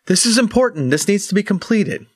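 A man voicing a fussy, distracted male gnome tinkerer in a storybook reading, talking high and excitedly. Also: fairly quick, no room sound, clean studio sound. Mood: excitable.

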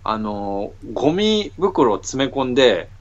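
A man co-hosting a casual comedy radio talk show, telling rambling stories with deadpan retorts and sound-effect words. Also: mid-range voice, slow, highs cut off.

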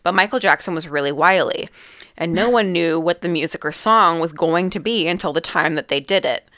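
A woman hosting a casual podcast chat, reading out quotes and adding her own comments in a measured way. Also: on the low side, fairly bright tone, no room sound, studio quality. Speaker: podcast host.

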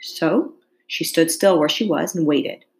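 A woman's voice: sits low, a little slow, gravelly, darkish tone. A woman reading a storybook aloud to students like a teacher, carefully and with expression.

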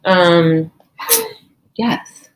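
A woman's voice: lowish voice, steady tone, extremely slow. A woman co-hosting a podcast in casual chat, playful and mock-earnest. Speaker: podcast co-host.

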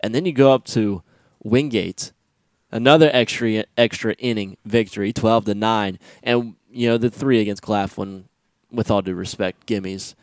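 A young man hosting a casual sports podcast, talking in an energetic, rambling way with many restarts. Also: lowish voice, normal speed, dry recording. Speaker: podcast host.

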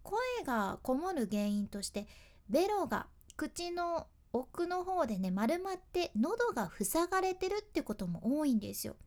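A woman's voice: high voice, sing-song, moderate pace, darkish tone. A woman with a Hakata accent, hosting a radio voice lesson and explaining step by step in a chatty, friendly way. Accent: Hakata dialect. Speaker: radio host and voice coach.

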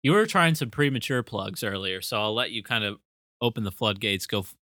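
A man's voice: on the low side, expressive, brisk, pushed and bright, no room sound, clean studio sound. A man co-hosting a casual podcast chat, rambling and joking as he reads out the show's plugs. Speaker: podcast co-host.

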